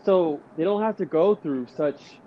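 A man co-hosting a podcast in casual chat, agreeable and quick to laugh. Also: a little high, dull audio, slight background noise. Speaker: podcast co-host.

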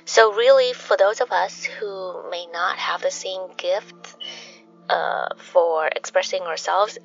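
A woman's voice: on the low side, fairly even intonation, slow pace, creaky. A woman hosting a bedtime sleep podcast in the manner of a sleep story narrator, musing conversationally as she goes. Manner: conversational, musing, asks rhetorical questions. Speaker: host of a relaxation sleep podcast. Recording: dull lo-fi sound, music behind. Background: soft background music.

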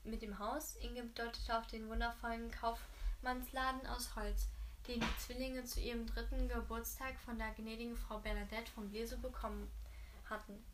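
A woman's voice: fairly high pitch, flat delivery, moderate pace, noisy background. Woman reading a novel aloud, stumbling. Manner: stumbling reading with frequent self-corrections. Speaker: reader.

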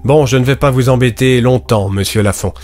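A composed police inspector, played by a man in an audio story, courteous but firm. A mid-pitched voice over faint music. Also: a little mellow, close to an everyday voice. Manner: polite and measured, turning commanding.

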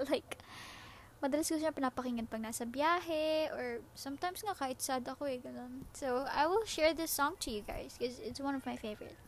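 A woman's voice: high-pitched, a little fast. A woman with a Filipino accent chatting casually and off the cuff as a podcast host, mixing Tagalog and English. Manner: switches between Tagalog and English. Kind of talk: casual ad-lib podcast chat. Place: shared space, not a quiet recording room. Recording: noisy room with background ambience.

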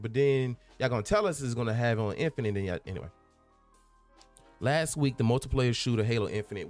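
Male podcast host, lowish voice, casual and rambling, stumbles over words, faint music underneath. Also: darkish tone. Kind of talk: casual gaming podcast talk, reading out a news article.

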